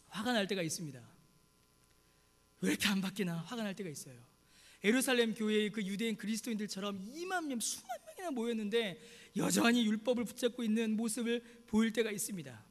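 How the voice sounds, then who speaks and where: Korean pastor guy preaching, pretty high voice, fired up, lots of echo from the church hall. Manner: impassioned, repeats rhetorical questions. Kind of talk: sermon. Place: church sanctuary. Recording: long hall reverb.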